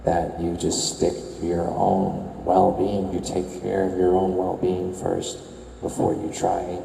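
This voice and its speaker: A young man giving a soft-spoken, reflective voice-over as he tours a game world, musing hesitantly and correcting himself as he goes. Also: completely flat delivery, takes it slowly, vocal fry, reverberant, big-room sound, slight background noise, rough recording. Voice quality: soft, low-key murmur. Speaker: video game tour vlogger.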